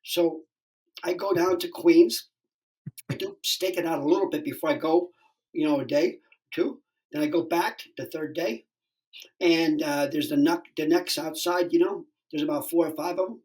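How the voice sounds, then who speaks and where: A man's voice: a little high, moderate pace, low-quality recording. A stand-up comedian in his sixties telling a story as a podcast guest, rambling and profane with lots of restarts. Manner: rambling, animated, profane, many fillers and restarts. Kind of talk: casual storytelling interview.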